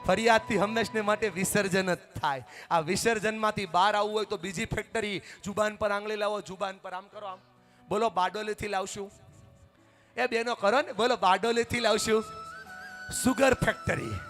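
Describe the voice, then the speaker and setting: A man with a high-pitched voice delivers a rousing motivational talk on a stage microphone in a big hall. He pushes the crowd to chant back and often raises his voice to a shout. Faint music sits underneath. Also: a little fast. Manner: loud and exhorting, leading the crowd in chants, sometimes shouting. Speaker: motivational speaker at a family gathering. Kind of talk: energetic public speech with audience call-and-response.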